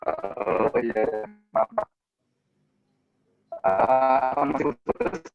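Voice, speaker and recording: A man giving an online presentation, his voice cutting in and out over a choppy video call, talking haltingly with many fillers. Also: mid-range voice, lively intonation, gravelly, dull audio, soft background music. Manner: halting, with frequent fillers and restarts. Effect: choppy, breaking-up video call audio. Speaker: webinar presenter. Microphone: computer mic on a video call.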